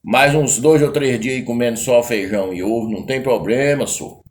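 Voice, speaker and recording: Worried rural wife with a caipira accent, pleading slowly, as a male storyteller puts her on. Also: medium pitch, lightly acted. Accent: Brazilian caipira. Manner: pleading, slow.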